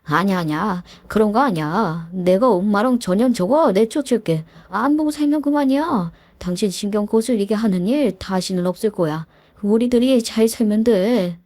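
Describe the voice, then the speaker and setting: A woman's voice: mid-range voice, darkish tone, dry recording, lightly acted. Woman doing an anxious pleading husband. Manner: hurried pleading denials. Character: young husband, anxious and defensive. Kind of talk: dramatized story reading.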